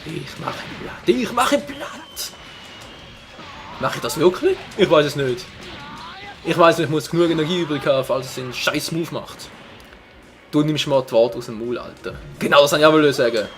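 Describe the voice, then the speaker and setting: A man with a Swiss German accent giving excitable gameplay commentary as a let's player, exclaiming and swearing at the game. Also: fairly high pitch, fairly quick, soft background music.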